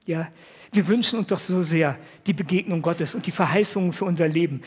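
A man's voice: on the high side, brisk, husky. A man preaching a conversational sermon, talking to the listeners in colloquial words and asking them many rhetorical questions.

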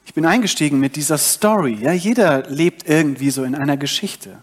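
A man's voice: a little high, a little fast, slightly rough. A young adult man giving a sermon, retelling a story and addressing the congregation directly. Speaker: preacher.

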